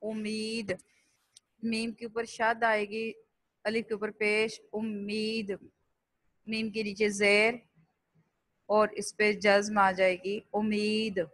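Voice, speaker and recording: Woman teacher drilling words, flat and dry. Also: mid-range voice, dry recording, poor audio. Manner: slow, drilled repetition, spelling out vowel marks. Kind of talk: classroom lesson, reading word lists aloud.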